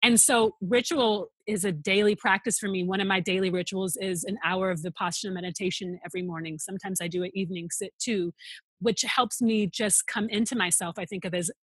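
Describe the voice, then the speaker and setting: A woman's voice: medium pitch, fairly even intonation, fairly quick, a bit bright, slightly rough, no echo. A woman guest on a podcast, answering questions earnestly and thoughtfully, often speaking in flowing lists. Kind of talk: reflective interview answers.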